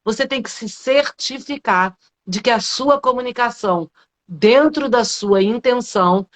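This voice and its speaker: This middle-aged woman, who has a Brazilian Portuguese accent, speaks in a fairly high voice at a slightly slow pace. A public speaking coach, she is a guest on a live interview, explaining ideas through rhetorical questions and frequent tag questions.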